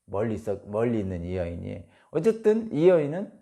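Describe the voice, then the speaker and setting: A man's voice: lowish voice, wildly swooping pitch, fairly quick, gravelly, mellow. A man preaching a dawn service sermon as pastor, conversational and hesitant, acting out the quoted lines. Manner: many hesitant fillers and restarts.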